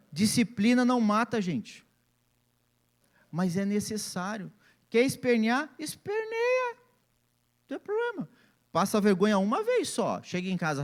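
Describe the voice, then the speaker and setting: A man, preaching a sermon as pastor and acting out family scenes in different voices. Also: fairly high pitch.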